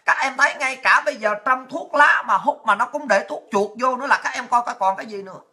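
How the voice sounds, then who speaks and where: Fiery, very sharp-voiced woman. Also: on the high side, fast. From Vietnam. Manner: blunt, crude, fiery, swears a lot. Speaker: political commentator. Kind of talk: impassioned political rant to viewers.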